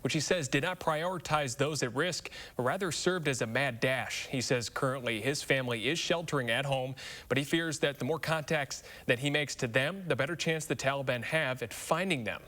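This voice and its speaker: A man anchoring a local evening newscast, reading the stories in a steady, measured way. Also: medium pitch. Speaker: news anchor. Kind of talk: scripted news reading.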